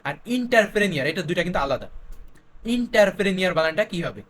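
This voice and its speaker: A young man with a high, light voice runs an exam-prep spelling lesson. He spells words out letter by letter and keeps asking questions to drive each point home. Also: big pitch swings, fast talker, a bit bright, slight background noise. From Bangladesh. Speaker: teacher.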